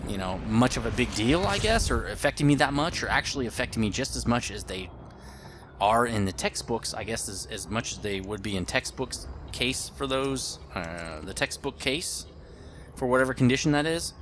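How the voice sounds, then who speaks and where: A gaming video host in his late thirties offers casual commentary while he plays, rambling and thinking out loud. His medium-pitched voice is animated and fairly bright, at a moderate pace, with a little hiss or hum on the recording.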